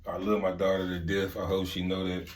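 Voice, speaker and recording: Deep-voiced man. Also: completely flat delivery, quick pace, slight background noise. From Mississippi, United States. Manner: colloquial street slang, rambling and repetitive. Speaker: vlog host and storyteller. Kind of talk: casual storytelling chat.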